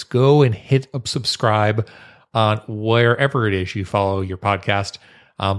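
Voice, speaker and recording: A man co-hosting a casual sports podcast, talking in a loose, rambling way with plenty of ums. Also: lowish voice. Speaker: podcast co-host.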